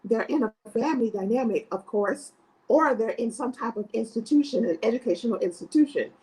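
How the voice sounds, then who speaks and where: A middle-aged woman educator from South Florida gives an earnest, emphatic podcast interview. Her voice is somewhat high and husky, and she drives her points home with rhetorical "right?" tags. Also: animated, fairly quick, dark tone, rough recording. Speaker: educator, guest.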